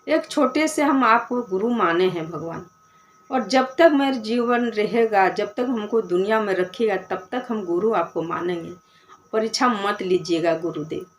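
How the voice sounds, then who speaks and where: A young grieving wife, pleading slowly and earnestly in prayer, as a woman storyteller voices her. The pace is unhurried and heavy, and she keeps begging God in a low, worn tone. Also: a little hiss or hum, close to an everyday voice.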